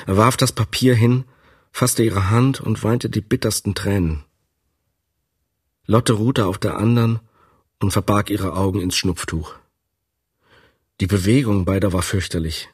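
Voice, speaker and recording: A man narrating a classic novel for a radio reading, with an expressive, dramatic delivery. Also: on the low side, slightly rough. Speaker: audiobook narrator. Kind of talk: scripted literary narration.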